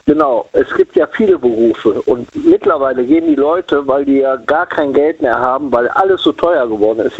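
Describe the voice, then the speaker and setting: A man's voice: fairly high pitch, gravelly, slightly rough. A man from Cologne calling in to a radio show over the phone, chatting casually and rambling while he repeats himself. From Cologne, Germany. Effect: heard over the phone. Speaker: radio call-in caller. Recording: dull lo-fi phone line.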